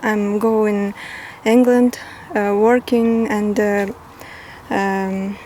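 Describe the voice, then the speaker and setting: A young woman with a Kazakh accent answering in halting, simple English, often laughing. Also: medium pitch, flat delivery, dark tone, a little hiss or hum. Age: young adult.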